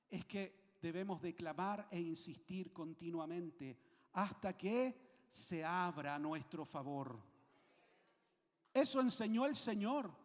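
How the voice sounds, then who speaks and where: A man's voice: high voice, long reverb tail. A man from Chile, speaking with a Chilean accent, preaching a sermon as pastor, emphatic and repeating phrases for weight. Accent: Chilean Spanish.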